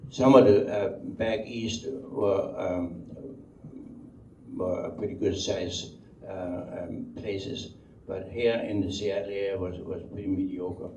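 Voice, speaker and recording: This distant, echoey recording captures an older man with a low, mellow voice and a Danish accent recalling his past in an unscripted oral history. His intonation stays fairly even as he halts, rambles, and often doubles back on words. The sound is dull and roomy with faint noise.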